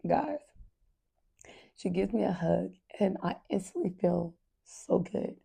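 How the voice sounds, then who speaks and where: A woman's voice: mid-range voice, animated, takes it slowly, creaky, warm tone, slightly rough. A woman hosting a parenting podcast, talking candidly and earnestly straight to her listeners. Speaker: podcast host. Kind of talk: casual podcast monologue.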